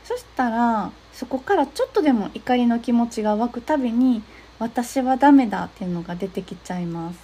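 A young woman hosting an advice talk, explaining steps gently with frequent soft agreeing fillers. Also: on the high side, lively intonation, a little fast, few pauses, breathy edge. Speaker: podcast host giving advice to therapists.

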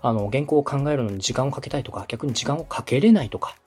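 A man's voice: medium pitch, expressive, quick pace, a little mellow, slightly rough, faint music behind. A man from Osaka hosting a podcast and coaching with polite, encouraging, explanatory advice. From Osaka, Japan. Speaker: podcast host, coach, radio director. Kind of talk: instructional advice in a podcast dialogue.

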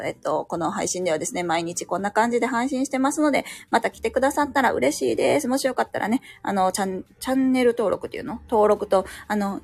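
A woman in her late thirties with a Kansai accent, musing aloud as the host of a late-night solo chat stream, with frequent fillers. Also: on the high side. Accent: Kansai Japanese. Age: late 30s. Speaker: radio host.

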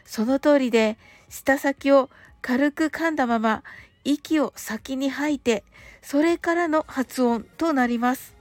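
A woman hosting a relaxed radio show, speaking politely and gently, slowing down for careful English phrases. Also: high voice, no room sound. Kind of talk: relaxed scripted radio talk with English lessons.

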